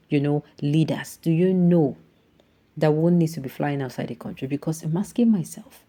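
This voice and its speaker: With a deep, dark voice, a Nigerian-accented woman offers emphatic, unscripted political commentary online. She's strongly opinionated, leans on rhetorical questions, and now and then drops into Pidgin.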